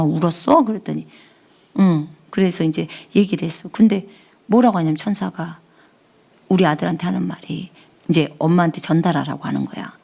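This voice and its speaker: A middle-aged woman missionary giving a sermon, telling personal stories with lively feeling and sometimes dropping to a whisper. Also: on the low side, gravelly, breathy edge. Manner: animated storytelling, often dropping to a whisper when quoting prayers. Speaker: missionary preacher. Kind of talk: live-streamed sermon with personal testimony.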